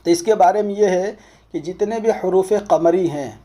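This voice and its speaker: A teacher with a Pakistani Urdu accent explains a lesson slowly and patiently, naming letters one at a time. His voice is fairly high and sits in a very bright, tense register. He works through each point in order, repeating key words. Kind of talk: recorded language lesson.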